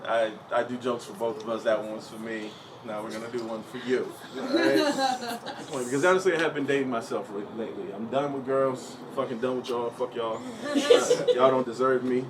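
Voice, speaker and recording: Profane young stand-up comic, heard from afar. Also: male voice, medium pitch, normal speed. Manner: profane, conversational, punchline-driven. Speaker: stand-up comedian. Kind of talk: stand-up comedy set. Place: comedy stage. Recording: distant, noisy stage recording.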